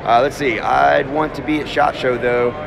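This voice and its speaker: A man in his fifties hosting a live walk-and-talk vlog, holding a phone at arm's length and talking fast and chattily in a large indoor trade show hall. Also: medium pitch, fairly even intonation, creaky. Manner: fast, chatty, self-interrupting. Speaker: host. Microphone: phone held at arm's length. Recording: busy trade show crowd behind. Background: crowd chatter.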